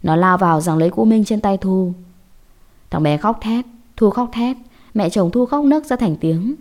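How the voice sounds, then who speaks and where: A woman telling a scripted horror story in a measured, dramatic way. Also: mid-range voice, lively intonation, darkish tone.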